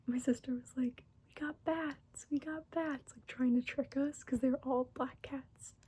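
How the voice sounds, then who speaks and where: A woman in her twenties chatting in a soft whisper for an ASMR get-to-know-me video, unhurried and giggly, close to the microphone. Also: high-pitched, steady tone, husky, rough recording. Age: 20s. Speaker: ASMR creator. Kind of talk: soft-spoken ASMR chat.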